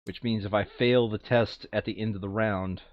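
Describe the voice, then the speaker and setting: At a moderate pace and with fairly even intonation, a man with a fairly low voice chats casually during a board game, muttering counts as he thinks his moves through aloud. The sound is lo-fi, with no room sound.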